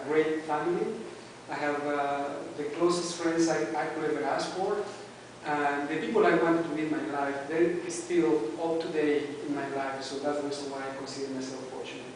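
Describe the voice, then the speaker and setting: Speaking Spanish as his first language and with a Mexican accent, a man gives a prepared speech to his club, hesitating often with "uh"s and restarts. His voice sits a little high for a man and keeps fairly even intonation. He's recorded from across a very echoey meeting room, distant from the mic, over a faint hiss.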